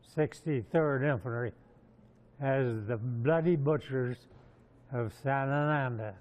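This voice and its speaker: Slow-talking American man in his nineties. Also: mid-range voice, a little mellow. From Montana, USA. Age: 90s. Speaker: war veteran interviewee. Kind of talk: reflective recollection in an interview. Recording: slightly dull interview sound.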